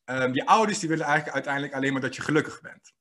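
Lively man podcast host. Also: on the high side, very fast. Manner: lively storyteller, laughs often, playful. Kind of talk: casual podcast conversation.

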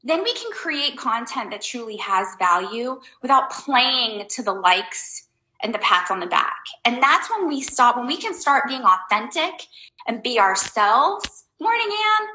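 A woman's voice: fairly high pitch, sing-song, a little slow, bright, forceful tone, echoey room, poor audio. A woman hosting a casual advice talk for her viewers. She rambles loosely, leans hard on fillers like "um" and "like", and makes blunt, emphatic points. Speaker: host giving life advice.

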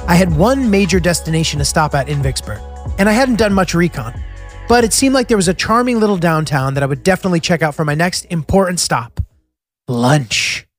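American guy telling his road trip story, kinda high voice, says like a lot, music playing under him. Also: fast talker. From United States. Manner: casual, filler-heavy with frequent "like". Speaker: podcast host. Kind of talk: scripted travel-diary narration.

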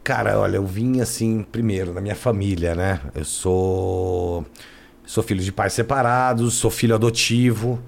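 A man's voice: on the low side, normal speed, creaky. A man, a guest telling his life story in casual, slangy talk that leans on "né" and "cara". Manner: slangy, keeps adding "né" and "cara". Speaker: interview guest.

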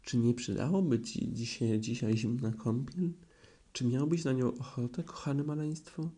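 A man's voice: medium pitch, normal speed, warm tone, slightly rough. A man voicing a kindly but firm mother kangaroo in a storybook reading, coaxing and motherly. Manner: coaxing, bossy-sweet.

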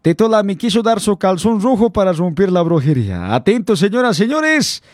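A man's voice: sits high, sing-song, moderate pace, dry recording, clean studio sound. A man hosting a prank-call comedy show, teasing and joking with a laugh in his voice. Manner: teasing, jokey, laughs a lot.

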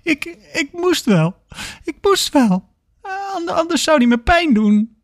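A man's voice: very high voice, big pitch swings, extremely slow, darkish tone, no echo, clean studio sound, pitched above the performer's own voice, heavily acted. A man voicing a panicked male patient who stammers and slips into a manic, childlike singsong.

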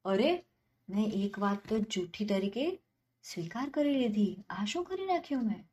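A woman's voice: medium pitch, sing-song, normal speed. A woman voicing a blustering rich landlord. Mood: indignant. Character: haughty rich male landlord, quick-tempered.

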